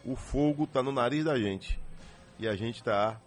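A man's voice: mid-range voice, unhurried, faint music behind. A man with a Bahian accent hosting a radio talk show, mocking and emphatic. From Bahia, Brazil. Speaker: radio host.

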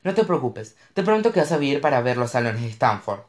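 A man's voice: medium pitch, sing-song, fast talker, lightly acted. A narrator voicing a rich young male actor who talks in a cocky, teasing way. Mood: daring, urgent. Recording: roomy echo.

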